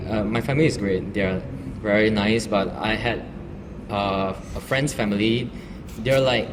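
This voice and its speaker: A man guest in a casual chat, telling his views in a halting, self-correcting way. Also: lowish voice. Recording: reverberant room with noticeable noise.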